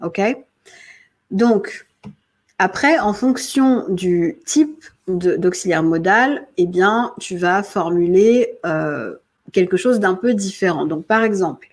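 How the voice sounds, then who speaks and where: Slow-talking woman teacher. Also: fairly low pitch, animated, a little mellow. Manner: slow, repeats herself, frequent "ok?" and "euh" fillers. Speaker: English teacher. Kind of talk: casual online lesson.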